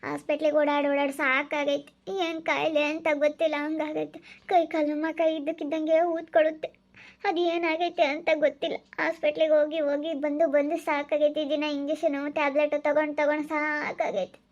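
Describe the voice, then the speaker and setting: A woman's voice: fairly high pitch, monotone, quick pace, darkish tone, dull audio, close to an everyday voice. A woman playing a weary, ailing village woman who complains plaintively and repeatedly in an amateur skit. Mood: weary, tearful.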